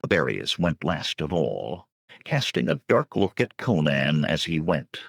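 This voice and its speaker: A man narrating an adventure audiobook with expressive storytelling. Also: extremely low pitch, a little slow, creaky, slightly rough, dry recording, studio quality. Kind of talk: scripted narration.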